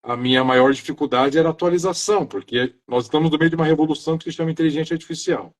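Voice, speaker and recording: A man's voice: fairly high pitch, very fast. A middle-aged man from Brazil, a maintenance engineer, talking earnestly in a casual live interview, stringing his thoughts together loosely. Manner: earnest, talks in loose chains of "então" and "né".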